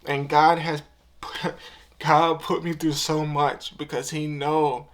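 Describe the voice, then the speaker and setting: Young man, about twenty, slightly raised pitch, heartfelt, casual slang, emotional vlog to camera. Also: level tone, slow pace, fairly bright tone. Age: 20s. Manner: earnest, heartfelt, repeats himself, gets choked up; casual slang-filled talk. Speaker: YouTuber.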